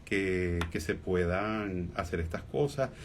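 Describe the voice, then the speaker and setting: A man with a Venezuelan accent, a humorist guest in a radio interview, talking reflectively with many fillers and pauses. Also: low-pitched, a little hiss or hum.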